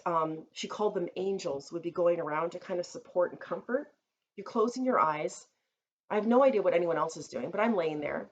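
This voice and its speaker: A woman vlogger telling a personal story in an earnest, reflective way, often pausing with fillers. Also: fairly low pitch. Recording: slightly dull recording with faint room noise.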